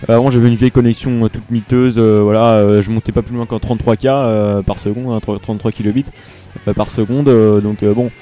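A man's voice: medium pitch, warm tone. A young man from France hosting a live web radio show in casual chat, hesitant and full of fillers and restarts.

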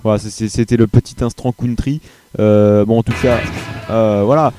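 Hesitant young French radio host. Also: male voice, lowish voice, steady tone, normal speed, music in the background. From Paris region, France. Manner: hesitant, many fillers and restarts. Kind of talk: casual live radio chat.

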